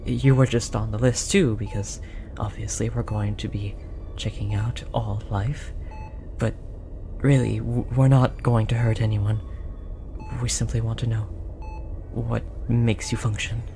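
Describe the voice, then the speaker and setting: A performer plays a tall, gentle alien researcher in a roleplay audio drama, softly and hesitantly apologizing to and soothing an abducted captive in an earnest, reassuring way. The voice is mid-range, creaky, unhurried and shows little pitch movement. Faint music, audible background noise and a beeping monitor can be heard.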